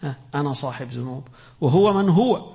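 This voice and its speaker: Gravelly fast-talking Egyptian preacher. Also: male voice, fairly high pitch, animated, a little mellow. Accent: Egyptian Arabic. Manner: mixes classical Arabic with Egyptian colloquial, acts out quoted speech. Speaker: Islamic preacher. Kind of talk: sermon.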